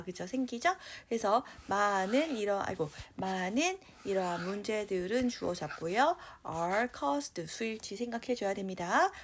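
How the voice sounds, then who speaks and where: A woman teaching a high school English grammar lesson. She talks lively, keeps checking in with her students, and reads English sentences out slowly as she writes them. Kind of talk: online grammar lecture.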